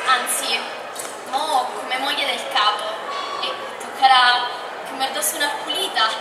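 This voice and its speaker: A woman's voice: high voice, measured pace. A young woman playing a rebel leader's gossipy, self-important wife on an outdoor stage. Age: young adult. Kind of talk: dialect stage comedy. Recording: distant echoey noisy camera audio.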